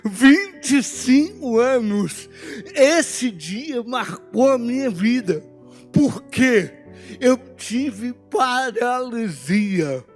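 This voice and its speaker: A Brazilian preacher from Minas Gerais with a very high voice speaks slowly and with feeling. He tells a story from his own life and acts out the dialogue. Soft church music plays behind him. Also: expressive. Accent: Brazilian Portuguese, Minas Gerais. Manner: emotional storytelling, acting out dialogue. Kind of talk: sermon with personal story.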